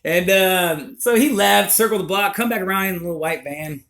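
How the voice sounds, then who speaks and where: A man recounting a personal life story in a rambling, emotional, animated way. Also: high-pitched, moderate pace.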